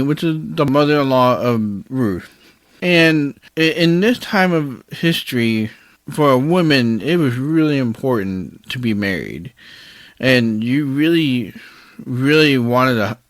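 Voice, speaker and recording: A man's voice: on the high side, a bit bright, no echo. A man hosting a podcast, sharing faith-based personal reflections in an earnest, openly emotional, preacher-like way. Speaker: podcast host.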